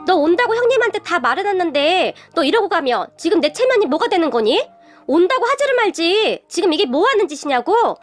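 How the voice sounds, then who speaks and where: A woman's voice: extremely high pitch, very animated, brisk, soft background music. A woman voicing a nagging, snobbish middle-aged mother-in-law-to-be who complains in a whiny voice. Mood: shrill scolding.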